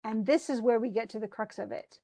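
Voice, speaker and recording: A woman teaching a play, retelling its scenes in a lively way and acting out the characters' quoted lines as she goes. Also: fairly high pitch, brisk. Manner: animated, acts out quoted lines. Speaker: literature teacher.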